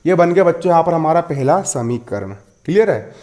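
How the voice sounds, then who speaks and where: This twenty-something maths teacher has a fairly high, a little mellow voice and speaks expressively and a little fast. Explaining each step of a school lesson, he repeats key phrases, answers his own questions, and makes sure pupils keep up.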